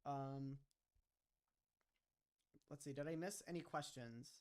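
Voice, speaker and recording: Smooth-voiced young man chatting casually. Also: mid-range voice, takes it slowly. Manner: rambling, full of "like" and "kinda". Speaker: streamer and series creator. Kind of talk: casual livestream chat.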